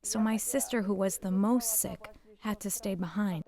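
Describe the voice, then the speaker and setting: Older woman giving halting testimony. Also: mid-range voice, steady tone, mellow. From Poland. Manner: halting, emotional, drops to whispers at painful moments. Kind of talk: personal testimony.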